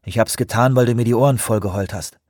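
A man voicing a gruff, irritable researcher who answers in a curt, unfriendly, muttering way. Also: medium pitch, quick pace, darkish tone, no room sound, studio quality, close to an everyday voice.

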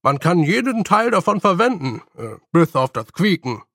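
A man reading an audiobook voices a gang of small, rowdy fairy men who squabble loudly. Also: high voice, very animated, moderate pace, dry recording, clean studio sound, voice pushed up, exaggerated voice. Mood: squabbling. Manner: loud, squabbling. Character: rowdy tiny fairy men, boastful bickering.

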